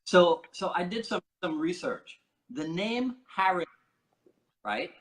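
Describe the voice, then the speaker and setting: A man from Barbados with a notably high-pitched voice hosts the conversation. He is playful and teasing, reading notes aloud and poking fun at his guest. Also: big pitch swings, slow, fairly bright tone, rough recording. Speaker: podcast host. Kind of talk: casual interview questioning.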